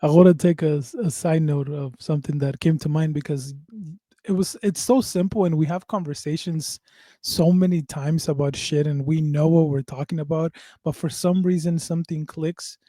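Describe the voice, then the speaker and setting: A man's voice: fairly high pitch, steady tone, normal speed, dark tone, dry recording, studio quality. A man co-hosting a podcast, thinking aloud in an earnest way and swearing casually. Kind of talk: casual reflective chat.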